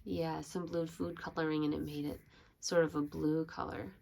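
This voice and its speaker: A preschool storytime host reads aloud to young children in a deep, gravelly voice at a moderate pace, expressive and frequently asking her audience questions. A faint hiss or hum runs under the recording.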